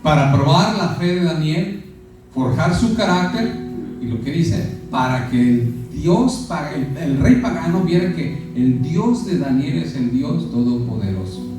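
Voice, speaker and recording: A man's voice: on the high side, animated, measured pace, music in the background. A man with a Mexican accent preaching a sermon as pastor, often putting questions to his congregation. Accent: Mexican Spanish. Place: church sanctuary. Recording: echoey church hall from far off.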